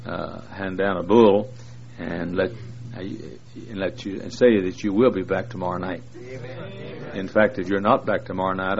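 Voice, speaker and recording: The speaker is a man in his sixties with a low, creaky voice, visiting a large church to preach. Full of fillers, his talk is folksy joking with the sizable congregation. It's captured in a dull, lo-fi recording with faint noise.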